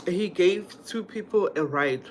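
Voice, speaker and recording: With a fairly low pitch and lively intonation, a woman from Mpumalanga speaks a little slowly over slight background noise. Her South African accent carries a casual livestream where she addresses viewers directly, reads their comments, tells stories and repeats herself often.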